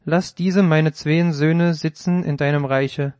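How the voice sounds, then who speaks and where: A man's voice: fairly high pitch, fairly even intonation, takes it slowly, a little mellow, no echo. A man reading the lines of a mother asking a favour for her sons, in an earnest, plain audio Bible reading. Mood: pleading. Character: pleading mother of two grown sons.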